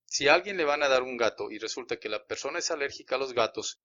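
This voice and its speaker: A man's voice: medium pitch, animated, fast, heavy background noise. A man teaching English grammar, explaining each example step by step and modelling English sentences. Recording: slightly dull, lo-fi sound.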